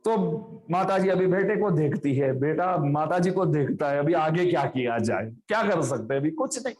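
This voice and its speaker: A man's voice: fairly high pitch, lively intonation, normal speed, darkish tone. A man giving a devotional discourse, telling a family story and acting out the characters' lines. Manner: acts out family members' quoted lines in a story. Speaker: spiritual speaker.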